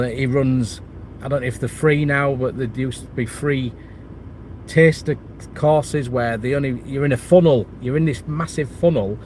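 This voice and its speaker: A middle-aged property channel host, nursing a cold and chest infection, rambles casually on a livestream as he reads viewer comments, restarting often and using lots of fillers. His voice is medium-pitched with a darkish tone, and there's a bit of hiss or hum.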